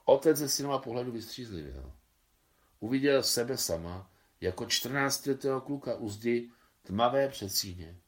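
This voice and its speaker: A man reading a short story aloud in a steady storytelling manner, now and then correcting a slip. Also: mid-range voice. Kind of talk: scripted story narration.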